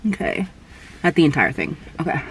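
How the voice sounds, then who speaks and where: A young woman from Canada reviewing fast food in a casual mukbang while she eats in a parked car, humming appreciatively between bites. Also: deep voice, sing-song, a little hiss or hum. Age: young adult. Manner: chatty, eating between remarks, lots of appreciative hums. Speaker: food vlogger. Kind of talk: casual mukbang tasting chat. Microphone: camera on the dashboard.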